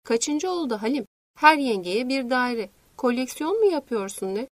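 A woman's voice: high-pitched, big pitch swings, normal speed, no room sound, studio quality. A woman voicing a wealthy male businessman who teases his partner with sly hints, read as part of an audiobook. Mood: teasing. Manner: teasing.

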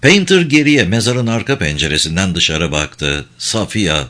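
Low-voiced man reading an audiobook. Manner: steady, measured reading of action scenes. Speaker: audiobook narrator. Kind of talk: scripted audiobook narration.

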